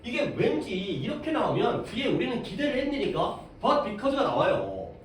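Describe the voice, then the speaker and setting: A male teacher explains a reading passage to his class, stopping often to ask questions and answer them himself. His voice sits high and moves a lot in pitch. The sound is very echoey, picked up from across the room with faint noise behind. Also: big pitch swings, normal speed, far from the mic. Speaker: high school English teacher.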